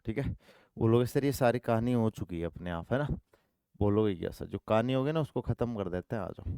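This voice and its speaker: Male math teacher, call-and-response style, repetitive, smooth clear voice, dry close sound. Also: on the low side, expressive, a little fast, mellow, dry recording. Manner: repetitive call-and-response, puts answers in students' mouths; affectionate coaxing, calls students 'my dear brother'. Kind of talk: online exam-prep math lesson.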